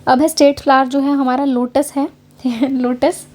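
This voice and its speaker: High, mellow-voiced woman teaching exam prep. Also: flat delivery, unhurried. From Haryana, India. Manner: conversational, checks in often with filler words. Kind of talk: casual lecture over slides.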